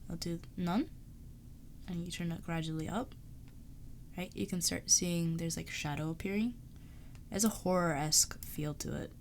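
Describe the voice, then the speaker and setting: A woman's voice: lowish voice, moderate pace, long pauses, a little hiss or hum. A woman streamer, sick and sparing her voice, chatting casually and thinking aloud while she draws on a live stream. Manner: thinking aloud, rambling, laughs often.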